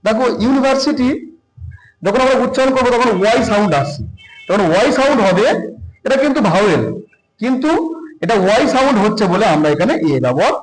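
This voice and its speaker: A man teaching a grammar lesson, reading English rules slowly and then explaining them with rising emphasis. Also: very high-pitched, animated. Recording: echoey room.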